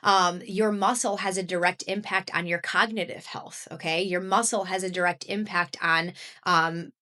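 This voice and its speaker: A woman's voice: on the low side, steady tone, normal speed, sharp tone. Chatty upbeat woman in her thirties. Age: 30s. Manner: chatty, upbeat, laughs often, many fillers. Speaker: podcast host and health coach. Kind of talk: casual solo podcast talk.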